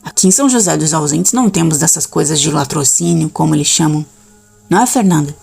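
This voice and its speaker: Chatty older innkeeper with a thick Gaúcho accent, low gravelly tone, read by a woman narrator. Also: fast talker, a little mellow, soft background music, heavily acted. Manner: friendly, chatty. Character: cheerful older male country innkeeper.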